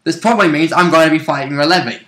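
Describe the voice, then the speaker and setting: Speaking rapid-fire in a fairly high, sharp-toned voice, this player doubling as co-commentator keeps things casual and speculative. He hedges his guesses and swears now and then.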